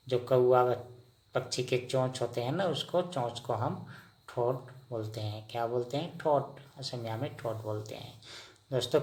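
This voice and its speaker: A man teaching vocabulary in a slow lesson, asking the listener each word and then repeating the answer. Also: medium pitch. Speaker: language teacher.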